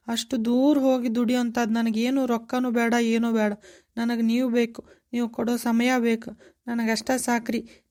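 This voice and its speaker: A woman's voice: on the high side, darkish tone, close to an everyday voice. A woman voicing a devoted, emotional young village woman with a North Karnataka Kannada accent, pleading and insistent. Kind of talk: cartoon voice acting.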